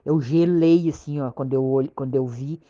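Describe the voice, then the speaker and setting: With a mellow bass voice and a Southern Brazilian accent from Rio Grande do Sul, a woman casually relates a frightening thing that happened to her. She halts, repeats herself, and often checks in by asking "sabe?", all in a dull lo-fi recording.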